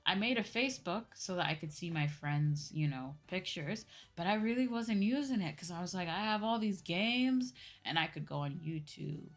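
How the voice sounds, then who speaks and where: This young adult woman, a VTuber, talks in a lowish, animated voice at a moderate pace with few pauses. Her casual livestream chat plays over background music, and she often checks in with listeners using "right?" and "you know."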